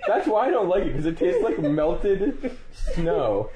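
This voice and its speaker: Goofy joking man with lively pitch. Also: measured pace, echoey room, a little hiss or hum. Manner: goofy, joking, laughs a lot. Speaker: podcast co-host. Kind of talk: casual comedic chat.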